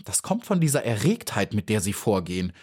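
A man's voice: very animated, a little fast, a little mellow, slightly rough. A man voicing a cheeky, boastful little female housefly in a storybook reading, cocky and dismissive. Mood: huffy, chatty. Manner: cocky and dismissive, then shrill and pleading.

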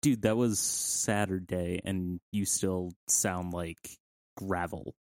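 Male co-host, casual sports chat, slightly low pitch, very dry close recording. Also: fairly even intonation, slow, darkish tone, dry recording. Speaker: podcast co-host.

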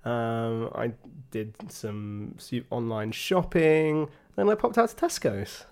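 A man's voice: medium pitch, slow pace, a little mellow. A young man co-hosting a podcast, telling stories in a dry, understated, casual way. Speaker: podcast co-host. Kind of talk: casual chat.

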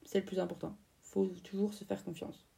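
A woman's voice: medium pitch, level tone, a little fast, gravelly, warm tone, distant mic. A young woman in her twenties from France, hosting a casual storytelling podcast in a chatty way, full of fillers and slang. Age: 20s. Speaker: podcast host.

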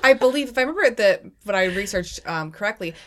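A woman who teaches and co-hosts a podcast, chatting casually, playful and quick to joke. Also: medium pitch, animated, a little hiss or hum. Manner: playful, laughs often, jokes in asides. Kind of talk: casual chat.

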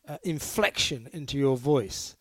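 A British man co-hosting a podcast, telling dog stories with halting starts that turn animated. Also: medium pitch, no room sound. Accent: British English. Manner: hesitant starts, then animated storytelling. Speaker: podcast co-host. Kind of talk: casual chat, anecdotes.

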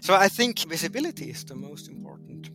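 A man from Austria, a physicist, speaking in a thoughtful, measured way in an interview. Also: fairly high pitch, big pitch swings, bright, forceful tone, soft background music. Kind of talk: interview testimony.

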